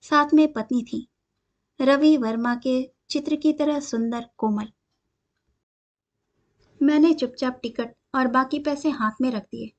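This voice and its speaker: Female story reader, high voice, even narration, muffled lo-fi sound. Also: slow, long pauses. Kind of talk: scripted narration of a short story.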